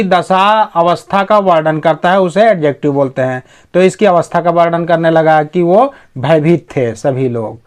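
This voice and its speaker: Slow teacher, higher voice. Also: male voice. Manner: reads English slowly, then explains in Hindi. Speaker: English teacher. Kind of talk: line-by-line story reading lesson.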